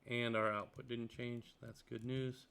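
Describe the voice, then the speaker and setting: A programming tutor with a medium-pitched, creaky yet clear and resonant voice works through a screen-recorded coding lesson at a measured pace. Keeping a level tone, he reads textbook passages aloud, then thinks aloud about them, dropping many ums and uhs.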